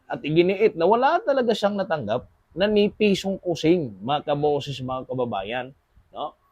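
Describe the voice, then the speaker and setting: A man's voice: fairly high pitch, animated, moderate pace, darkish tone, dry recording, dull audio. A man with a Filipino accent giving casual news commentary as a show host, constantly addressing his audience and using many fillers.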